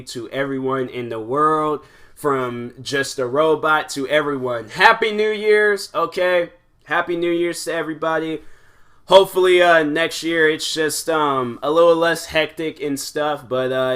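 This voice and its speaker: Young male podcast host in his twenties, bright forceful tone, loose rambling solo chat. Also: fairly high pitch. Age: 20s. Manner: rambling, full of "like" and restarts. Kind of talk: casual solo podcast monologue.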